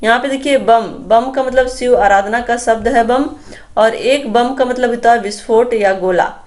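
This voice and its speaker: A woman's voice: on the high side, normal speed, darkish tone. Woman teaching a grammar lesson. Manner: explanatory, addresses viewers as friends, points at slides. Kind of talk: exam-prep Hindi grammar lecture.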